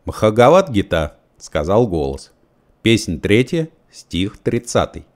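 A man's voice: lowish voice, sing-song, takes it slowly. A man voicing a magic mirror that recites verses solemnly. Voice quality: declaiming.

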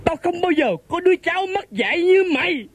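A man's voice: very high-pitched, lively intonation, brisk. A man playing a hot-tempered uncle who scolds and sings lines in a comic sketch. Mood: scolding. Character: middle-aged uncle back from abroad, hot-tempered. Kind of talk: comic sketch with sung verses.

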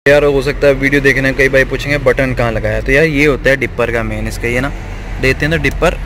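A man's voice: mid-range voice, steady tone, fast talker, a bit bright. A young man, casually explaining a car upgrade to viewers in a chatty vlog, filmed on a handheld camera in and around his car. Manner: chatty, addresses viewers as brothers, many fillers. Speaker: car vlogger. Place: inside a car and an auto parts shop. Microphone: handheld action camera. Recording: street traffic noise.

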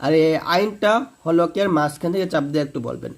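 A man's voice: a little high, animated, fairly quick, gravelly. A man teaching word-by-word Quran reading, spelling out letters and vowel marks and drawing recited words out in a long chant.

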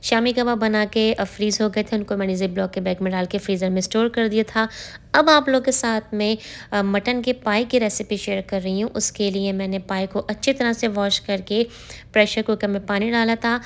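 A woman's voice: mid-range voice, steady tone, moderate pace. A middle-aged woman giving a friendly, explanatory voice-over for a home cooking tutorial, sharing tips with viewers. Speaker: cooking vlogger.

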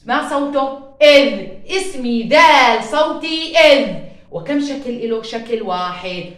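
A first-grade teacher with a Jordanian Arabic accent, her voice sitting high as she stretches each letter sound out slowly for children. She speaks in a patient, sing-song way through a phonics lesson. The recording has a roomy echo around her. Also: expressive, fairly bright tone. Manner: slow, drawn-out sounding of letters, sings short chants.

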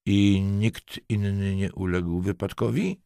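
Brief: stern sardonic cop, curt and mocking, low dry voice, a narrator puts him on. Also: male voice, steady tone, slow pace, vocal fry, warm tone, clean tone, dry recording. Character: stern sardonic male police lieutenant.

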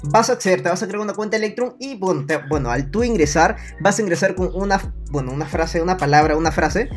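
Hombre de habla rápida explicando en pantalla. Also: male voice, sits high, fast, faint music behind. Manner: repetitive, talks to viewer directly; voices imagined viewer questions. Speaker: online money-making youtuber. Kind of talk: screen-recorded tutorial.

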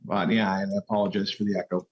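A man's voice: deep voice, flat delivery, rapid-fire, a little hiss or hum. A man, a legislator calling in remotely, gives a brief, matter-of-fact vote over an audio line with a heavy echo. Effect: heavy echo on his remote audio line. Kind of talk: roll-call vote. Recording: muffled, distant, echoey remote line.

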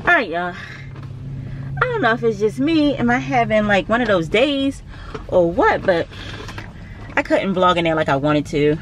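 A young woman talks to a handheld camera in a parked car. Her easygoing, tired chatter swings widely in pitch. Faint traffic noise hums behind her. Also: big pitch swings, slow, long pauses. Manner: chatty, tired and cranky, with laughs. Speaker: vlogger. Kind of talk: casual vlog chat. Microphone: handheld camera close by.

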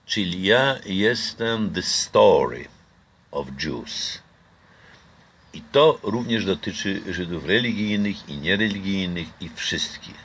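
This older Polish man's husky voice sits low but has a fairly bright tone, and he speaks slowly and expressively. Interviewed casually on an outdoor garden patio, he's reflective and hesitant, with frequent fillers and restarts. A camera close by does the recording.

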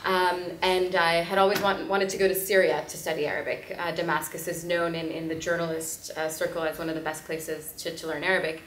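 A woman from Lebanon raised in New York, introducing herself on a conference panel with many pauses and fillers. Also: lowish voice, level tone. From Lebanon, raised in New York City. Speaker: panelist, social enterprise founder. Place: conference hall stage. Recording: echoey hall with faint noise.

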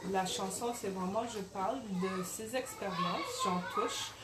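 Young woman guest, slight English-tinged accent, earnest and soft-spoken, roomy sound. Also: medium pitch, a little slow, heavy background noise. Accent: English-tinged French. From Congo. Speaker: guest, singer. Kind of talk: interview.

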